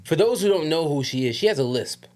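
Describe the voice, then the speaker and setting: A man's voice: a little high, expressive, quick pace, a little mellow. A man co-hosting a podcast, ranting emphatically with profanity and a slight lisp. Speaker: podcast co-host. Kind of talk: casual heated podcast chat.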